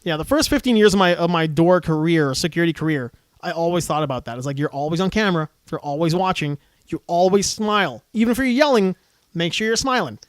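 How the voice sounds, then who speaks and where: Middle-aged male co-host, high voice, dry close mic, animated storyteller. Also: fast talker, no room sound. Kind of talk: casual podcast chat.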